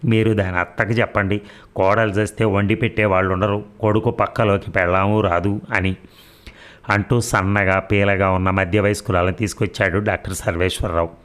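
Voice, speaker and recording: A man reads a story aloud as narrator, in a steady and even way. His voice sits on the low side, and the delivery is measured audiobook narration.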